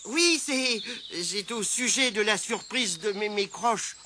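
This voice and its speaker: A man voicing an excitable young male storybook hero, eager and quick to cry out. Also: high-pitched, slight background noise, pitched above the performer's own voice, full character voice. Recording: music playing behind.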